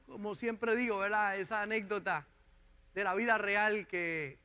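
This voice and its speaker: Male pastor with a very high, sharp voice, impassioned sermon in a church. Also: fairly even intonation, measured pace, clear, resonant tone. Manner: impassioned preaching, addressing the congregation directly.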